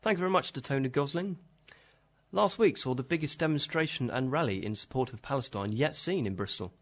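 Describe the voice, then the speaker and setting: A man presenting a news roundup, plain and measured. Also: mid-range voice, expressive.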